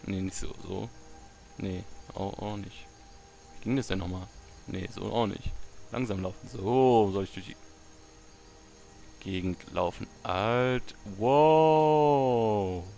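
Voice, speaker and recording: A man giving casual let's play commentary, muttering to himself with excitable outbursts. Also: low-pitched, unhurried, creaky, long pauses, a little hiss or hum.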